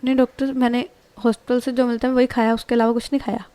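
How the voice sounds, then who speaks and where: A woman's voice: on the high side, flat delivery, quick pace, warm tone, clear, resonant tone, lightly acted. A woman voicing a young female hospital patient who wheedles and pleads. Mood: sulky.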